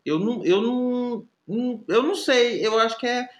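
A man's voice: extremely high pitch, moderate pace. A man in casual chat, teasing playfully and often restarting his sentences. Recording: roomy echo.

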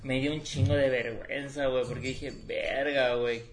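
A man's voice: medium pitch, steady tone, brisk, a little hiss or hum. A young man with a Mexican accent, chatting in a slangy, laid-back way on a podcast. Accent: Mexican Spanish. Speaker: podcast co-host. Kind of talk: casual chat.

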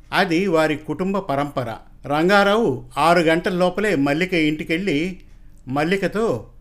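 Man narrating a village story, higher voice.

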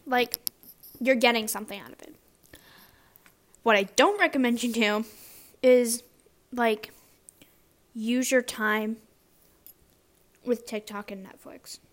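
A woman's voice: a little high, takes it slowly, long pauses. A young woman student chatting casually to camera, rambling with lots of fillers and restarts. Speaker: student vlogger.

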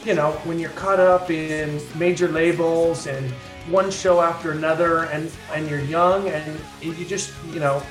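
A man in his fifties chats as a podcast guest, earnest and upbeat as he reflects on his life. His voice sits a little high. The room around him rings with echo, with faint music beneath. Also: steady tone, unhurried, few pauses. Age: 50s. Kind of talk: casual interview chat.

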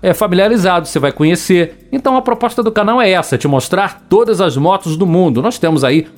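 A man's voice: high-pitched, animated, fairly quick, soft background music. A man with a Brazilian Portuguese accent hosting a motorcycle podcast, chatty and teasing, talking straight to his viewers. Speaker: motorcycle channel host. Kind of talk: casual podcast-style review.

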